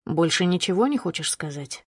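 A woman's voice: lowish voice, animated, fairly quick, breathy edge, dry recording, clean studio sound, pitched below the performer's own voice. A woman reading the part of a stern, suspicious man who questions her coldly in clipped lines. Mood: cold accusing. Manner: cold, accusing, clipped questions. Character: stern, suspicious adult man driving a car. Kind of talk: audiobook character reading.

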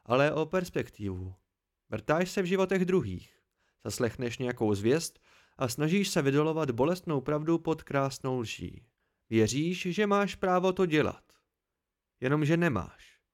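A man's voice: a little high, sing-song. A grim, brooding innkeeper, played by a man in an amateur audiobook reading. He presses his words hard and lectures firmly, his voice rising on the points he stresses. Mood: stern.

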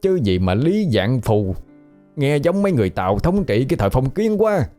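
A man's voice: lowish voice, expressive, moderate pace, a little mellow, soft background music, natural voice. A man voicing a coarse, teasing male ghost who has haunted a house for a century, talking in blunt slang.

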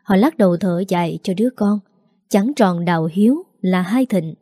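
A woman narrates a sad family tale in a gentle, steady way. Her voice is mellow and warm, and the recording is dry and close. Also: lowish voice, moderate pace, no echo. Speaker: story narrator. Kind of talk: scripted narration.

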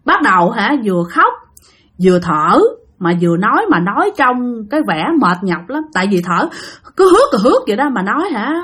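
Lively woman storyteller. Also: mid-range voice, fairly quick, husky. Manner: dramatic, addresses listeners directly. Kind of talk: spoken ghost story narration.

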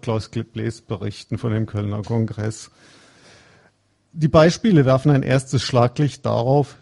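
A man giving a conference lecture, reading a prepared script in a measured, formal way. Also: medium pitch, creaky, dark tone. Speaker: conference speaker.

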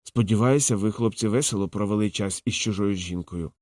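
A man's voice: fairly low pitch, a little fast, a little mellow, no echo, clean studio sound, natural voice. A man doing a slurring drunk brute. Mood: drunken menace. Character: drunk, hulking, vengeful jealous husband. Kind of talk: audiobook character voice.

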